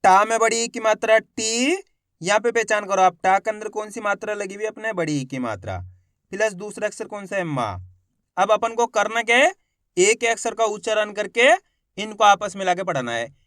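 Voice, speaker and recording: A man teaching Hindi reading, sounding out syllables slowly and addressing viewers as friends. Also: high voice, animated, a bit bright, no echo, clean studio sound. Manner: slow drawn-out syllables when sounding out words. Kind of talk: spoken lesson to camera.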